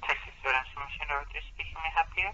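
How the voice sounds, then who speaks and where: A woman working as a call center representative, speaking bluntly and briskly over a lo-fi telephone line. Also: sits low, bright, forceful tone, a little hiss or hum. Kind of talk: phone customer service conversation.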